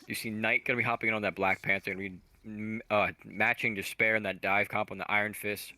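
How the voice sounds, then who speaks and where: A man doing fast play-by-play commentary on a college esports match, rattling off calls at an auctioneer's pace. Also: fairly low pitch, flat delivery, bright, forceful tone. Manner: rapid-fire play-by-play, self-described auctioneer pace.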